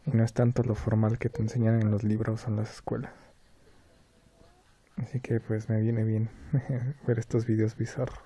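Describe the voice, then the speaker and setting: A woman's voice: a bass voice, level tone, moderate pace, dark tone, breathy edge, no room sound, dull audio. A woman with a Mexican accent giving laid-back, slangy late-night vlog commentary. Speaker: vlogger.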